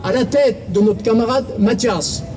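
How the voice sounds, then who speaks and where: A man's voice: very high-pitched, moderate pace, noisy background. A man speaking at an outdoor protest rally, orating formally and quoting writers. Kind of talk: speech at a street rally.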